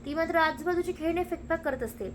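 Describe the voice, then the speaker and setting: A woman recaps an episode of a television serial at a rapid clip, her voice high and quick, slipping straight into the characters' quoted lines without slowing. It's lively, fast storytelling with acted quotes. A faint hiss sits behind her.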